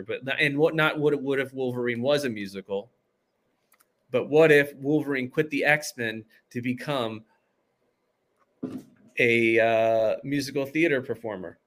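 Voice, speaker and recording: A man's voice: medium pitch, fairly bright tone. A man, a comedian guest on a podcast, telling stories in a rambling way with many restarts. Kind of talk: casual podcast storytelling.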